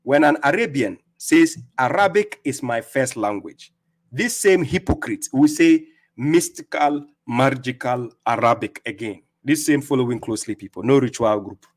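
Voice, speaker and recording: Through his streaming setup, a man with a mid-range voice talks at normal speed and in an animated way. As host of a religious livestream, he argues back at opponents with mockery and taunts, laughing at them and stumbling over repeated words.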